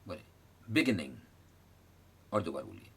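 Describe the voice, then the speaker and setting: A man's voice: on the low side, expressive, moderate pace, slightly rough. A man with an Indian accent teaching spoken English to a class, repeating words for them to chant along. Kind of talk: classroom pronunciation drill.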